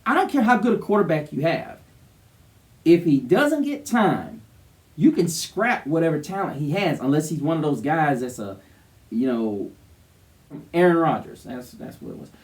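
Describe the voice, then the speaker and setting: A man's voice: a little high, expressive, moderate pace, recorded from a distance. A man co-hosting a sports show, giving casual, emphatic, opinionated commentary. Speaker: co-host of a college football show.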